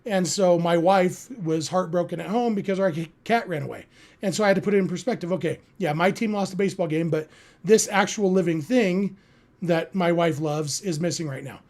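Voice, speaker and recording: Chatting casually and earnestly as he responds to listeners, this Californian sports podcast host has a high, slightly mellow voice. He talks a little fast.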